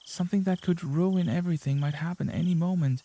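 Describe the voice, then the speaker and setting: A man's voice: fairly high pitch, fairly quick, dark tone, lightly acted. A man reading the inner monologue of a panicking teenage girl sneaking through a school, in a tense, frantic voice. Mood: panicked. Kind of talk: reading a visual novel aloud.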